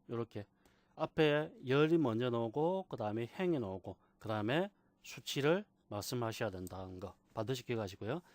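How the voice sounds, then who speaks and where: A man teaching a software class, patiently repeating key terms and asking rhetorical questions. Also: mid-range voice, no echo. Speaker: computer instructor. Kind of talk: screen-recorded software tutorial.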